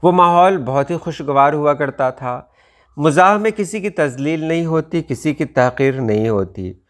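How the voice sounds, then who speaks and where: A man with an Indian Urdu accent gives a video language lesson in a slightly high voice. He explains at a measured pace and often pauses to think before he goes on. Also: lively intonation. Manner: measured, explaining with frequent hesitations.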